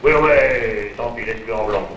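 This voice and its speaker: A man's voice: fairly low pitch, normal speed, natural voice. A man playing a hostile, officious village councilman with a brusque, bossy manner in an old 1940s film. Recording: noisy, roomy 1940s film soundtrack.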